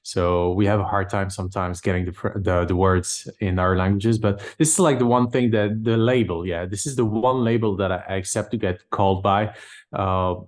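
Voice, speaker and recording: A man's voice: low voice, fairly even intonation, moderate pace. A man from Morocco whose first language is French, answering interview questions with many fillers and restarts. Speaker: guest. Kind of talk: interview conversation.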